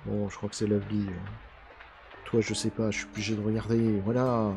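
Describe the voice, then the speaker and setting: A man's voice: lowish voice, level tone, fairly quick, music in the background. A man hosting a card unboxing in casual commentary, chatty and grumbling with a mock-angry edge.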